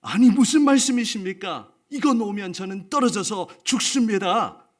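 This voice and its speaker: A man voicing a desperate man hanging from a cliff branch, shouting and pleading for rescue. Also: high voice, normal speed, voice pushed up. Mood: alarmed protest.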